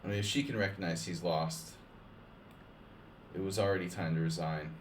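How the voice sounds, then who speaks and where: Chatting over chess games against his viewers, a streamer wanders from point to point, peppering his talk with "like," false starts and jokes. He speaks low and steady at normal speed, with a little background noise.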